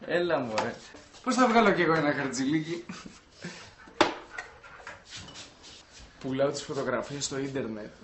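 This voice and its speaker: A man's voice: mid-range voice, animated, noisy background, close to an everyday voice. An actor playing a cheeky freeloading young man who pleads not to be thrown out in a sitcom. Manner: wheedling, pleading. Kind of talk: sitcom acting.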